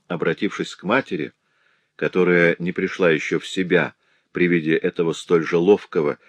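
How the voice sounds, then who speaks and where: A man reading a novel aloud in a dramatic, animated audiobook narration. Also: low-pitched, no room sound. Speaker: audiobook reader.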